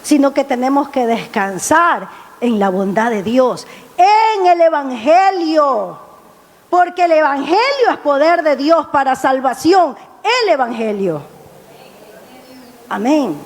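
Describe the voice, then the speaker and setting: A woman pastor preaching an impassioned sermon, rising high on questions and dropping low on appeals to her listeners. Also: lively intonation, slow. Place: church. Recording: church hall with long reverb.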